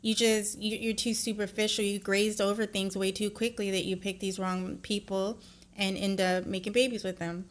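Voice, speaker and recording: A woman's voice: medium pitch, flat delivery, moderate pace. A woman hosting a reaction video, giving blunt, opinionated commentary that often turns into a lecture. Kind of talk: casual commentary.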